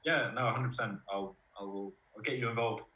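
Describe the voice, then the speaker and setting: A man's voice: lowish voice, fairly even intonation, fairly quick, sharp tone. A teenage boy co-hosting a casual chat, joking and slangy. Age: late teens. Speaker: co-host. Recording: roomy, distant sound.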